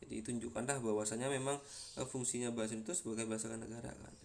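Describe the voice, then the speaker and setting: A man's voice: mid-range voice, little pitch movement, racing, gravelly, darkish tone, a little hiss or hum. A man giving a university lecture, explaining step by step with frequent fillers and repeated words.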